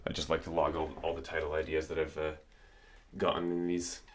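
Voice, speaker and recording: A man streams his music production from a home studio, chatting casually and thinking aloud as he works while keyboard typing sounds behind him. His rumbling low voice moves little in pitch and runs fairly quick, with a little hiss or hum in the audio.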